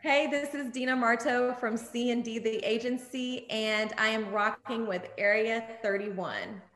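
A woman's voice: fairly high pitch, fairly even intonation, a little slow, reverberant, over loud music, low-quality recording. A woman born in Jordan, an upbeat, talkative guest speaking over a video call. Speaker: music industry guest. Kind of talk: casual interview.

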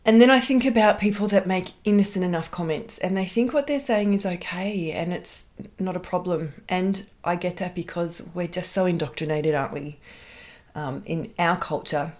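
A woman's voice: lowish voice, a little mellow. Candid Australian woman hosting a podcast. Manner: candid, chatty, self-deprecating with quick laughs. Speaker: podcast host. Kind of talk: solo podcast talk.

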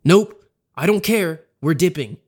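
A man playing a curt, no-nonsense young guy who wants to leave, close to the narrator's own voice and a touch higher, clipped and dismissive. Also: animated, unhurried, a little hiss or hum. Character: blunt, impatient young man in charge.

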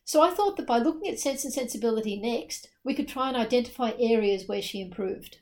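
A woman co-hosts a casual book podcast, talking chattily and opinionatedly with emphatic repetition. Her voice is a little high and darkish, with lively intonation and a fairly quick pace.

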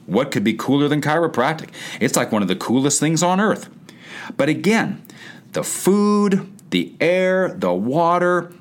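An emphatic man giving a motivational talk to chiropractors. His pitch swings widely as he stresses key words, repeats them over and over and fires off rhetorical questions. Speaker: chiropractic practice coach.

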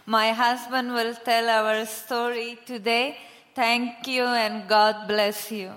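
Woman, formal greeting, slow, monotone, church hall reverb. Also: fairly high pitch, music in the background.

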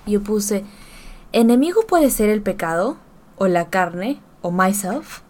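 A woman's voice: mid-range voice, expressive, takes it slowly, a little mellow, slight background noise. Female co-host, casual Bible study chat, reads verses then shares notes, laughs easily. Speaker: podcast co-host.

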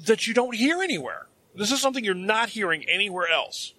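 Bright-voiced man rambling on a podcast. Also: high voice, animated, a little fast. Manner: rambling, self-correcting, emphatic. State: dry throat. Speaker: podcast co-host. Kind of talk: casual podcast chat.

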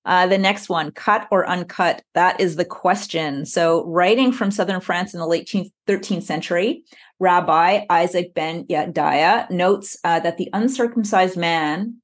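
A woman's voice: on the low side, measured pace. A woman co-hosting a podcast in casual chat, reading history notes aloud with chatty asides. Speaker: podcast co-host.

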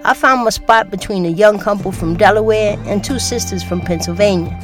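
A woman hosting her podcast, telling a personal story in a relaxed, chatty way while congested from a cold. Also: medium pitch, fairly quick, soft background music. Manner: relaxed, chatty, laughs easily. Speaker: podcast host.

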